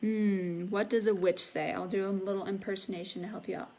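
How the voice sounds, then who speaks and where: A woman's voice: medium pitch, fairly even intonation, fairly quick, gravelly, very noisy. A woman teaching a live online English class, patiently explaining words and encouraging her students. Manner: patient, encouraging, imitates sound effects.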